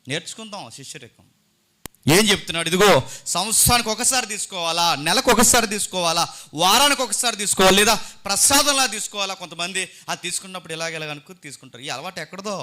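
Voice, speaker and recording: A man preaching with a high, very bright and forceful voice. He presses his points with rhetorical questions and reads scripture with emphasis. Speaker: pastor. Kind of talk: sermon.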